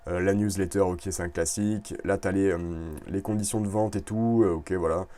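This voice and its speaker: A man casually reviewing clothing brands over a screen recording, chatty and relaxed, with many fillers and restarts. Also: low-pitched, brisk.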